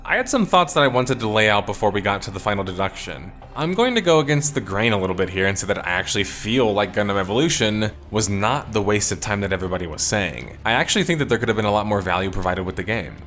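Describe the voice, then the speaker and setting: A man delivers scripted video-essay commentary in a fairly low voice. His voice sounds tired and strained, and his delivery is opinionated and wry. Faint music plays quietly beneath the narration. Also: very animated, fast talker, hardly any pauses. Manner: opinionated, wry, detective-themed wrap-up.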